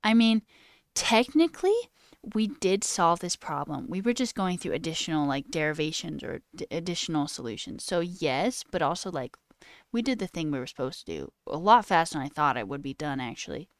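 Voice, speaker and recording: A woman's voice: low voice, animated, brisk, dry recording, clean studio sound. A woman livestreaming who chats casually with viewers and rambles through stories, often saying "like.". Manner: rambling, tangent-prone storytelling; swears casually, says "like" often. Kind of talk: casual chat with live chat. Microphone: headphones with a cord.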